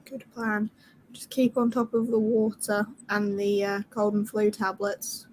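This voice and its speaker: A woman's voice: mid-range voice, monotone, unhurried, a little mellow, low-quality recording. A British woman chatting casually as a livestream host, informal and dryly sweary. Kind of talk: casual chat. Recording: home livestream with faint background noise.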